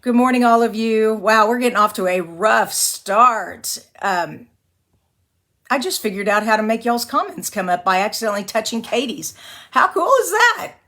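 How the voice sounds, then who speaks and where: A fairly high-pitched, expressive, slightly bright voice belongs to a Texas woman leading a chatty live card-making tutorial at a moderate pace. Singing and allergies have left her a little raspy, and she rambles, apologizes often, and laughs easily.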